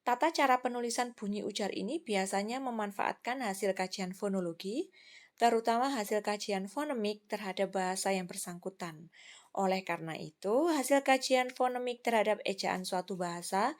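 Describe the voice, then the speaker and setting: A woman's voice: medium pitch, moderate pace. A woman giving a recorded lecture, explaining patiently with examples and fillers.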